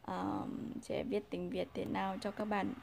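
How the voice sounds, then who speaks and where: A woman whose first language is Vietnamese teaches a casual language lesson at a slow, unhurried pace. She talks patiently, with a voice neither high nor low, repeating example sounds and pausing with soft fillers. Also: flat delivery, vocal fry.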